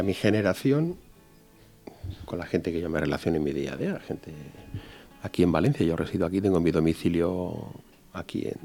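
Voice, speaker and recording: A security executive in his fifties from Barcelona, Spain, answers interview questions in a low, slightly mellow voice. He explains things carefully, repeating key phrases and using rhetorical tags.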